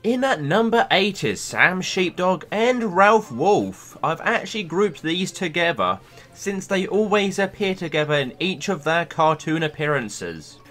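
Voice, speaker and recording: A man hosting a video, reading a scripted countdown narration in a playful, lively way. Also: high voice, unhurried, faint music behind. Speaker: YouTube host.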